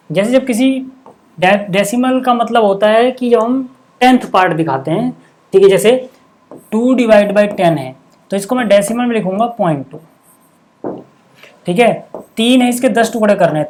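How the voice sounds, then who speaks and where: A man teaches maths at a board in a relaxed way, checking repeatedly through short asides that his students are following. His high voice carries a darkish tone, and there's a little hiss or hum.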